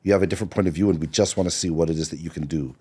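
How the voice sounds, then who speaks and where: A middle-aged screenwriter from Seattle, Washington, appears as a podcast guest, telling his story in a relaxed interview style. His voice is low, dark and husky, and he talks very fast, rambling loosely with plenty of fillers and restarts.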